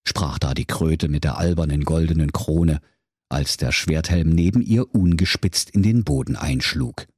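A man's voice: extremely low pitch, unhurried, a little mellow, slightly rough, no echo. A man narrating a comic fairy tale, playful and relishing rhyming sound words, close on a studio mic.

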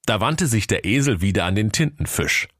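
A man tells a parody fairy tale with dry, deadpan timing. His voice is low. The sound is close and dry. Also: a little fast, no echo. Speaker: narrator. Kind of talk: comic fairy-tale narration.

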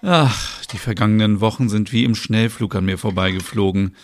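A man's voice: fairly low pitch, moderate pace, a little hiss or hum, lightly acted. A man voicing a chatty, self-absorbed mother in a comedy audio sketch, who talks to herself dramatically and giggles.

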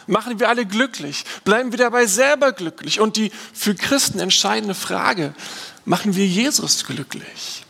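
High, gravelly-voiced pastor in a reverberant hall. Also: male voice, a bit bright. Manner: earnest, reflective preaching with many rhetorical questions. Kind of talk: sermon.

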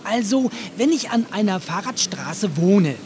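Performer playing Kasper, an excitable questioning puppet for a kids' audio play, bouncy and expressive. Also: mid-range voice, measured pace, slight background noise. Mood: eager. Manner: curious, asks many questions. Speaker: puppet character.

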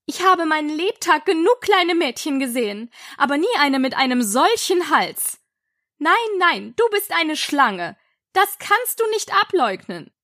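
A woman's voice: sits high, sing-song, measured pace, sharp tone, no echo, clean studio sound, pitched above the performer's own voice, heavily acted. A woman voicing a fretful female pigeon guarding her eggs in a storybook reading, with shrieking, indignant scolding. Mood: contemptuous.

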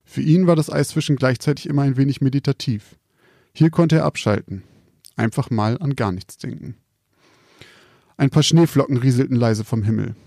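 A man calmly reading out a scripted spooky story in a measured, quiet storytelling manner. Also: mid-range voice, gravelly, no room sound, studio quality.

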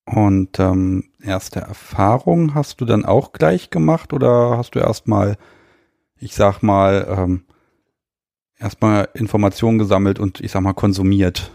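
A man's voice: on the low side, measured pace, vocal fry, darkish tone, no echo, studio quality. A man hosting a podcast and interviewing a guest in a casual, conversational way. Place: guest's living room.

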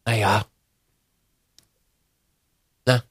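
A man's voice: extremely slow, a bit bright, no room sound. A man, co-hosting a podcast, making dry, teasing remarks. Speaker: podcast co-host. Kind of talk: casual chat.

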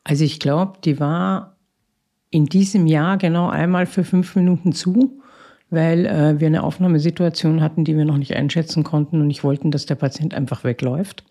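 A woman's voice: sits low, steady tone, normal speed, warm tone. A woman, a head nurse answering interview questions in a matter-of-fact way with frequent hesitations. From Austria. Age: 50s. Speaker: head nurse of a psychiatric crisis ward.

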